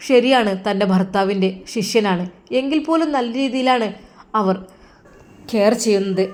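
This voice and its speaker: A woman's voice: medium pitch, darkish tone. A woman narrating a dramatic story in an emotive, earnest way.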